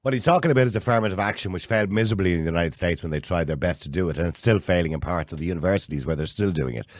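A man's voice: sits low, rapid-fire, no room sound, studio quality. An Irish man hosting a radio phone-in, opinionated and emphatic, repeating phrases and putting rhetorical questions. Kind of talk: opinionated talk radio presenting. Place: radio studio.

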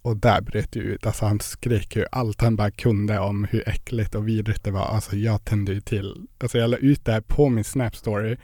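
Chatty young man, dark mellow voice. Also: fairly low pitch, steady tone, hardly any pauses, no room sound, studio quality. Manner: chatty storytelling with many fillers. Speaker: podcast guest. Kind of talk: casual interview chat.

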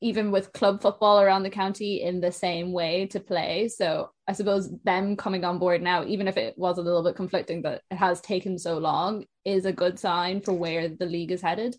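Young woman, west of Ireland accent, lower-pitched voice, podcast host, casual chat. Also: steady tone, normal speed, few pauses. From Sligo, west of Ireland.

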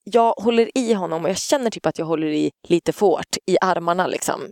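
A woman tells a family story in casual podcast chat, her voice carrying a gravelly edge. She acts out quoted lines with energy. The sound is close and dry. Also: lowish voice, no room sound. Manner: animated anecdote-telling, acts out quotes loudly. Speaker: podcast co-host, parent.

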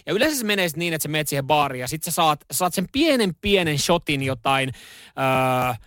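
A man's voice: a little high, no room sound, studio quality. A man hosting a radio morning show, telling stories in casual chat with lots of fillers and restarts. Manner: animated storytelling, acts out shouts in the story.

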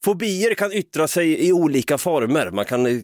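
A man's voice: a little high, no echo, studio quality. A man co-hosting a podcast in casual chat, laughing often, swearing and telling stories with put-on voices. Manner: laughing, swearing, lively storytelling. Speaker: podcast co-host.

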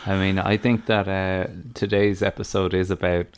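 A man's voice: sits low, little pitch movement, moderate pace, slight background noise. An Irish man chatting casually as a podcast host. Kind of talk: casual chat.

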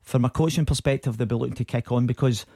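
A Scottish man breaks down football tactics on a radio panel, rapid and chatty, often repeating a word before he finds the next one. His tone is mellow and relaxed. The studio mic is close and dry. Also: mid-range voice, vocal fry, no room sound. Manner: rapid, chatty, repeats words while thinking. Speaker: football pundit. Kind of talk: radio sports analysis.

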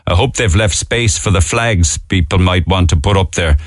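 A man's voice: deep voice, moderate pace, dry recording, clean studio sound. A man with a Cork Irish accent, hosting a radio phone-in in a casual, conversational way.

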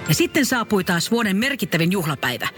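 A man's voice: sits high, long reverb tail, soft background music. A man narrating a comic children's story, playful and speaking to the listener. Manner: playful, lively, addresses the listener.

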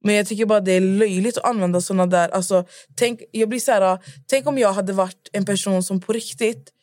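Young woman, podcast co-host, lively storyteller who plays both parts; dry close sound. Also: medium pitch, no room sound. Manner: animated storyteller, acts out both sides of chats. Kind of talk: casual chat.

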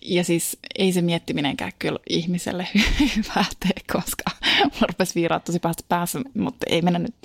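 A woman's voice: fairly low pitch, steady tone, vocal fry, few pauses, dry recording, studio quality. A woman co-hosting a casual chat show, telling self-mocking stories and laughing often. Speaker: podcast co-host.

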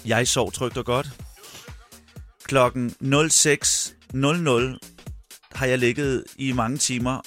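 A middle-aged man as a radio guest telling long, animated anecdotes in casual chat. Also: medium pitch, long pauses, soft background music. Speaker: radio guest, quiz setter.

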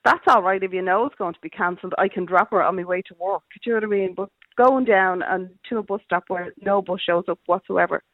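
A man's voice: sits high, fast, hardly any pauses, dry recording. A middle-aged man with a Dublin accent chats casually as a caller to a radio phone-in, on a tinny line. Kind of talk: casual chat.

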